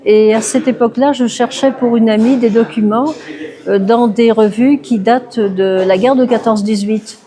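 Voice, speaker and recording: A woman calmly explaining the idea behind her artwork in a fluent, reflective way, interviewed at an exhibition. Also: on the high side, normal speed. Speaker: artist.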